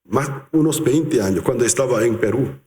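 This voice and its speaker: A male pastor preaching a sermon, speaking slowly and with emphasis, stretching out key words. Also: mid-range voice, dark tone. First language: Korean. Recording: reverberant church hall.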